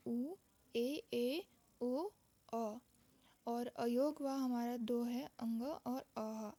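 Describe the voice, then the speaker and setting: A woman's voice: on the high side, no room sound. Dry-voiced woman teaching a lesson. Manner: steady explanatory, repeats points. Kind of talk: exam-prep grammar lesson.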